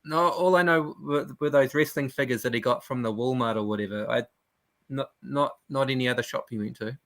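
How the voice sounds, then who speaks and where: A man's voice: mid-range voice, brisk, fairly bright tone, no echo. Teasing, joking man. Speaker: podcast co-host. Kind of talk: casual podcast chat.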